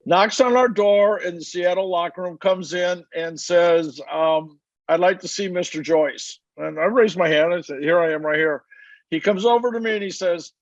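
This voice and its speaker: High-voiced older man telling stories. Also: dry recording, dull audio. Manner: storytelling with lots of "you know". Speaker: retired baseball umpire telling stories. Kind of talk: casual anecdote.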